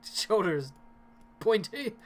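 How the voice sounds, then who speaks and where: A wounded townsman, frightened yet quick with a dad joke, as a game master puts him on. His voice sits higher and sounds strained, with a touch of wry humour. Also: very animated, exaggerated voice. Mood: pained cheerful.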